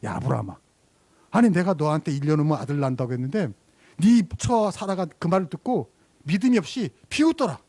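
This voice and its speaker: Pastor voicing God: fatherly, chiding, plainspoken, lively swings. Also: on the high side, brisk, no room sound. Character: God gently scolding, older male, fatherly.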